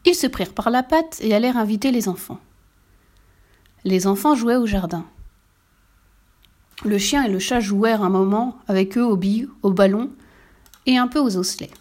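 A woman's voice: medium pitch, moderate pace, pauses often, darkish tone. Woman reading a children's story.

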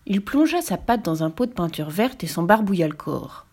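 A woman reading a children's picture book aloud, slow and gentle, sometimes almost whispering. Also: lowish voice, very animated, slightly rough. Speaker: storyteller.

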